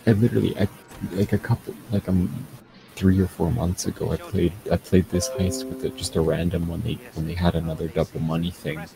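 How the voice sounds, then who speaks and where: A deep-voiced young man with a gravelly, creaky edge chats loosely over a game session. He rambles and restarts his sentences often. Loud game noise sits behind him. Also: little pitch movement, a little fast. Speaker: gamer. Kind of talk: casual gaming chat. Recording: noisy game audio behind.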